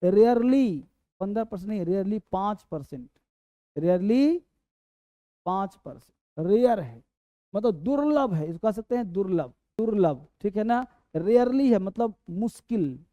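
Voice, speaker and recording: A man's voice: sits high, lively intonation, measured pace, mellow, no echo, highs cut off. A male teacher giving a spoken English lesson, calling students "beta" and drilling each word with repetition. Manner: calls listeners 'beta', drills words with repetition.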